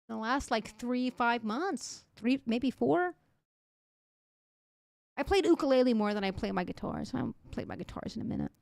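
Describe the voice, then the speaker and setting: High-voiced chatty woman streamer. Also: creaky, no room sound. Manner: chatty, talks to chat directly. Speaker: streamer reacting to news clips. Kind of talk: casual live-stream chat.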